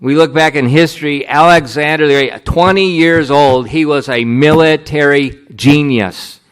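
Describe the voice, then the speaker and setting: An American man preaching a sermon in short, emphatic phrases, pausing for his interpreter. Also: fairly high pitch, smooth. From United States.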